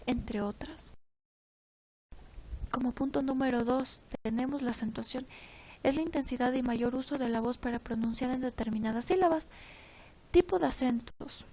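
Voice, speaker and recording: High-voiced teenage girl reading notes. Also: mellow, rough recording. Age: teens. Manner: reads from notes with pauses and slips. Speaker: student presenter. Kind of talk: reading a class presentation.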